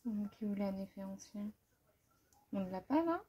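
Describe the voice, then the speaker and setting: A woman with a husky, warm, mid-range voice talks at a normal speed with lively intonation. She's an art vlogger swatching watercolors in a casual art-supply haul, chatty and self-deprecating as she thinks aloud and pokes fun at herself.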